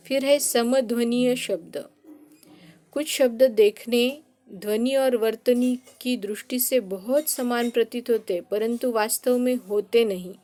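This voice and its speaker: A woman's voice: fairly high pitch, darkish tone. A woman teacher giving a grammar lesson to children, patiently explaining and answering her own questions.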